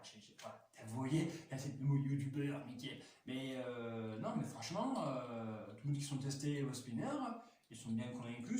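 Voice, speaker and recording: A man's voice: mid-range voice, a little mellow. A man chatting casually while reviewing a toy, rambling with lots of fillers and restarts, enthusiastic. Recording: very echoey room, mic at a distance, faint noise.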